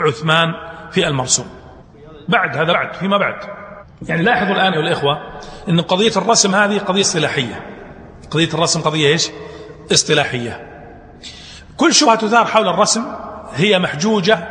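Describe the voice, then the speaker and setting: A man's voice: sits high, bright, forceful tone, reverberant, in a large hall. A male teacher giving a classroom lecture, asking his students questions and answering them himself, mixing colloquial and formal speech. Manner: colloquial Gulf Arabic mixed with formal speech.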